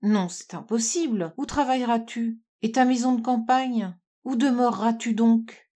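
A woman's voice: on the high side, normal speed, mellow, close to an everyday voice. A woman narrator voicing a young girl, a devoted daughter who pleads anxiously with her father. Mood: pleading. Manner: pleading, emotional.

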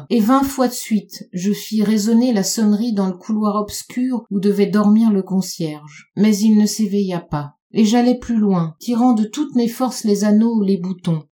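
A woman reading a classic short story aloud as an audiobook, measured and unhurried, slowing and dropping her voice on dark repeated phrases. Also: mid-range voice. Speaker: audiobook reader. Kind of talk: literary audiobook narration.

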